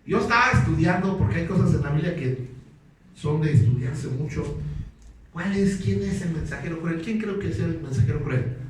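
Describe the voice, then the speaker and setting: A man's voice: a little high, expressive, moderate pace, heavy reverb. Male pastor, sermon, emphatic scripture reading, questions to the congregation, distant mic, faint background noise. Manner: asks the congregation questions and waits for replies.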